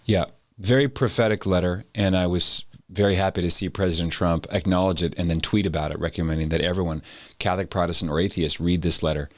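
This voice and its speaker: A man hosting an interview, speaking in a measured, reflective way with frequent pauses. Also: low voice, fairly even intonation, no room sound. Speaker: host. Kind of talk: interview conversation.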